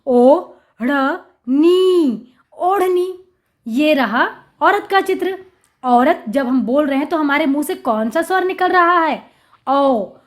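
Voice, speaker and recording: A woman teaching a Hindi lesson to young children, sounding out syllables slowly and patiently, repeating each word with emphasis. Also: high voice. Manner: addresses children directly, patient explaining. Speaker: primary school Hindi teacher.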